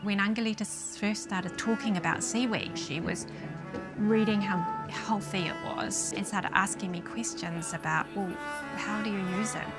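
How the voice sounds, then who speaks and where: Calm New woman over music. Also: medium pitch, normal speed. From New Zealand. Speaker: company co-founder. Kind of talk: documentary interview. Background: loud background music.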